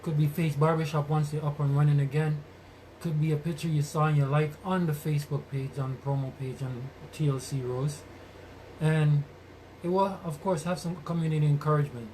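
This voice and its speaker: A man's voice: a little high, fairly even intonation, brisk, dark tone. Rasta-talking man podcasting over noisy sound. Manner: Rasta-style speech with blessings and greetings; repeats phrases for emphasis. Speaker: podcast host. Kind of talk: casual live podcast chat to a community. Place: moving around while live streaming, away from the mic. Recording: noisy, distant live-stream sound.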